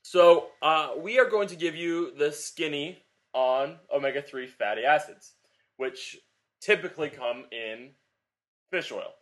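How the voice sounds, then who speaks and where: In a casual fitness podcast conversation, a young adult co-host who teaches Pilates rambles through a long story with plenty of filler. He talks at a measured pace in a fairly high, fairly bright voice.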